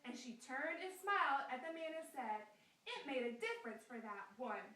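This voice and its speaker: A woman's voice: high-pitched, animated, moderate pace, pushed and bright. A woman voicing Sally, a chirpy girl puppet. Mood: storytelling. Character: cheerful earnest young girl puppet. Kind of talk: scripted puppet skit read aloud. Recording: echoey room, mic far off.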